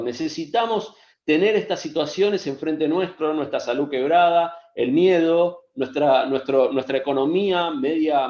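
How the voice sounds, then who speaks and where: A man's voice: on the high side, a little mellow. A man with an Argentine Spanish accent preaching a sermon over a video call, earnest, repeating phrases for emphasis. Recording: echoey, dull lo-fi sound.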